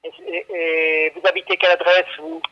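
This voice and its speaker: A male veterinary clinic worker explains things patiently during an unscripted phone call, stammering, hesitant and repetitive. He speaks fairly quickly in a high, completely flat voice, heard over a dull, lo-fi phone line with a little hiss or hum.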